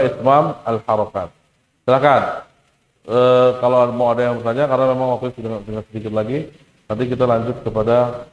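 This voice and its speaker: A man's voice: medium pitch, highs cut off. A man teaching a casual tajwid class, joking and acting out little dialogues. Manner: joking, acts out market dialogues. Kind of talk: casual Quran recitation class. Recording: echoey hall with long reverb.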